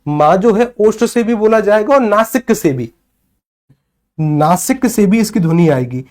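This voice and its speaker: A man's voice: high-pitched, lively intonation, measured pace, darkish tone. A man in his thirties teaching a lecture, asking questions and repeating the answers to drill them in. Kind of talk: classroom lecture.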